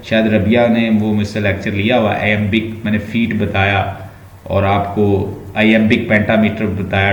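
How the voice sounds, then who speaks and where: A man's voice: on the low side, a little hiss or hum. Pakistani man teaching in an echoey room. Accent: Pakistani Urdu. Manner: explains by stretching and repeating words slowly. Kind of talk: online class lecture.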